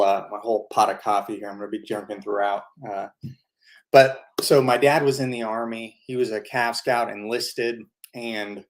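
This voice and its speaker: A man in his thirties hosting a casual live-stream Q&A, answering viewer questions with easygoing stories and plenty of fillers. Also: on the low side. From United States. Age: 30s. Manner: easygoing storytelling with frequent fillers.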